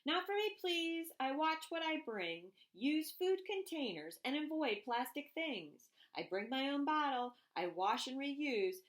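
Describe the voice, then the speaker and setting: Phrases get special emphasis as this woman reads a rhyming children's picture book out loud, expressively and deliberately. Her voice sits high and swings widely in pitch.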